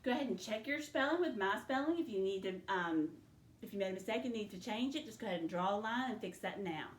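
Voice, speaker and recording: A woman teacher leading a spelling lesson, slowly and clearly sounding out syllables and letters for her students. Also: medium pitch, lively intonation, reverberant, a little hiss or hum. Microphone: in front of a whiteboard.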